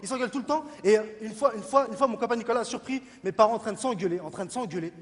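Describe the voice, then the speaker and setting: A man from Morocco doing a lively stand-up comedy set in front of an audience, mixing in Moroccan Arabic phrases. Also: high voice, racing. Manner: lively, switching between French and Moroccan Arabic phrases, acting out his parents. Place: large stage before a live audience. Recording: hall reverb with crowd laughter.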